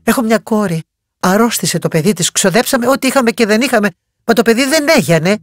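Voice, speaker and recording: A woman voicing a wise, consoling old village woman in a bedtime story, low and slow. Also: expressive, natural voice.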